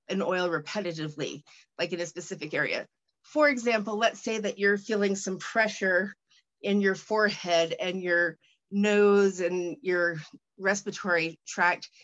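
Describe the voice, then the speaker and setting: A woman's voice: fairly low pitch, a bit bright. Chatty, rambling woman on a dull recording. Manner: chatty and rambling, many fillers and restarts; reads product copy aloud haltingly. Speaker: product reviewer. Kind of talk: casual unboxing chat.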